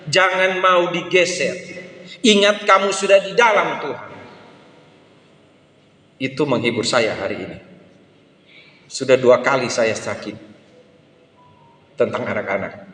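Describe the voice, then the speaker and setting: Older preacher in an echoey hall. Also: male voice, high-pitched, a little slow, pauses often. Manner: animated storytelling that acts out children's voices. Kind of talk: sermon. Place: church service hall. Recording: echoey hall with faint noise.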